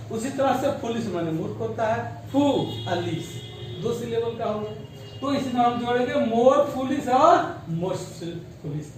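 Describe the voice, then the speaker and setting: A high-voiced male teacher gives a grammar lesson and breaks words slowly into syllables. He is recorded from a distance in a very echoey classroom, with faint room noise underneath. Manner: mixes English terms into Hindi. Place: school classroom.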